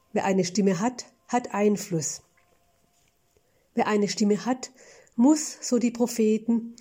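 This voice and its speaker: A woman preaches a scripted sermon at an unhurried, deliberate pace. Her voice sits a little high and sounds soft and mellow. Faint music plays behind her. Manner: slow, measured, contemplative delivery.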